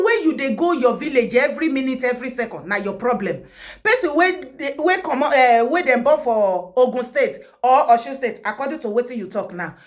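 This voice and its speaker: A woman from Ekiti with a Nigerian accent, delivering impassioned commentary, scolding and repeating words for emphasis. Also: high-pitched. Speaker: vlogger. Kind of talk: impassioned commentary in Pidgin and Yoruba.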